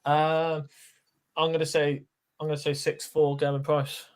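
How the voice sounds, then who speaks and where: A man talks casually as a watchalong guest. His voice sits a little high and his delivery is conversational. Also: completely flat delivery, measured pace, smooth. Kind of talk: casual chat.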